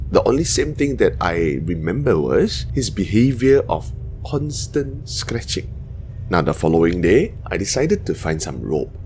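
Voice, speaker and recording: Low gravelly man narrating a haunting story. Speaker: storyteller, narrator of scary stories. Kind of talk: scary bedtime story narration in the first person.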